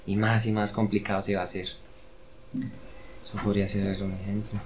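A man, a guest expert explaining patiently in a measured way with hesitant fillers. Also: lowish voice, flat delivery, a little hiss or hum. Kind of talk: casual explanatory chat.

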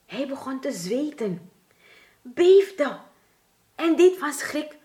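A woman with a Surinamese Dutch accent plays a tiny boy mouse from a children's storybook, squeaking high and drawn out in a thin, strange little voice. He pleads in a panicky rush of worry, stretching his words slowly. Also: sing-song, warm tone, full character voice. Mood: panicked. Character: frightened little boy mouse trapped in cupboard.

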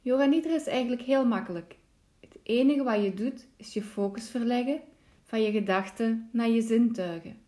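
This yoga nidra teacher is a woman with a fairly high-pitched voice. She guides listeners through a relaxation meditation, her directions calm, measured and soothing.

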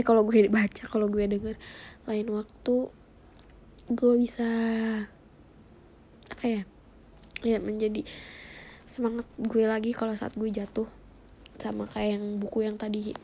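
A woman in her twenties with a blocked-nose voice, talking casually and reflectively in informal slang with hesitant pauses. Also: a little high, dark tone, slight background noise. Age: 20s. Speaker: personal podcaster.

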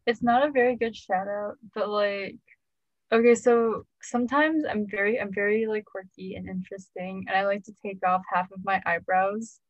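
A woman's voice: mid-range voice, steady tone, normal speed, no echo. Young woman podcast co-host, casual self-mocking chat, muffled lo-fi audio. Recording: dull lo-fi sound.

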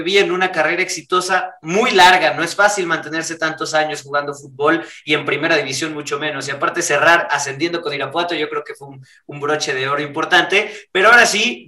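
A man's voice: a little high, bright, forceful tone, reverberant. A man hosting a radio interview, upbeat and full of praise. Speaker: radio show host.

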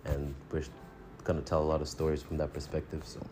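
A man's voice: very deep voice, monotone, brisk, noisy background. A man from Tanzania co-hosting a casual podcast over a phone, rambling, restarting his sentences and chuckling between thoughts. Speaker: podcast co-host.

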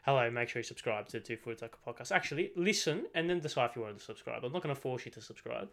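A man's voice: mid-range voice, animated, racing, vocal fry, a bit bright. A teenage man with a slight lisp from braces, hosting a casual solo football podcast, rambling and correcting himself as he goes. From Australia. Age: teens. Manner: rambling, self-correcting, chatty. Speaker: podcast host. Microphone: desk microphone.

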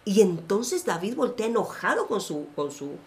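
This woman's voice sits at medium pitch and moves at a normal pace. As a pastor and podcast co-host in a casual faith chat, she tells animated stories and drops in slangy asides.

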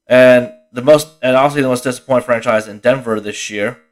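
A man's voice: mid-range voice, a little fast. A tired young man talks through a casual solo sports podcast, rambling, swearing freely and often restarting his sentences. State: tired, yawning. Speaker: podcast host.

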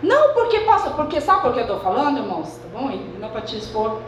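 A woman's voice: fairly high pitch, expressive, fast talker, a bit bright, slight background noise. A woman pastor, preaching a sermon in a chatty way and often turning to the congregation. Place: church hall. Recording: echoey church hall, faint ambience.

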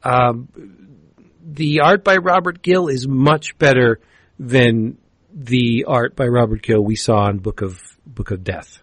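A man co-hosting a comics podcast, retelling a story in a casual, animated way and acting out the characters' lines. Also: mid-range voice, slow, no room sound. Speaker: podcast co-host reviewing comics.

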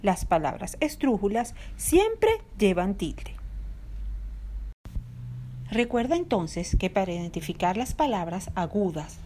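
A woman, a language teacher, giving a scripted podcast lesson in a clear, deliberate way, stressing each example word. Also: medium pitch, dark tone, a little hiss or hum.

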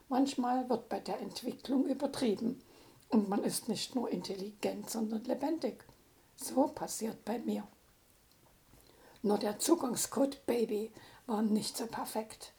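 Storybook talking car, grateful and chatty, slow warm delivery, a grandmother reading it. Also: fairly high pitch, creaky.

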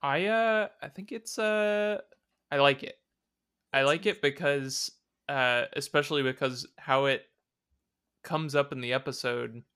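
A man's voice: medium pitch, unhurried, pushed and bright, clear, resonant tone. A man co-hosting a podcast, chatting in an easygoing way with lots of fillers. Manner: easygoing, filler-heavy, agreeable. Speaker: podcast co-host. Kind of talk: casual chat.

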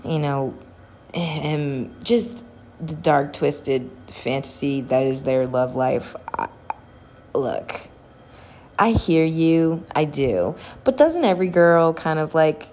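Young woman w/ a low voice just rambling on her podcast, lots of likes and ums, swears a bit, faint hiss behind. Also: a little mellow. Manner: rambling, filler-heavy, cusses freely, quick laughs. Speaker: podcast host. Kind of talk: casual solo podcast chat.

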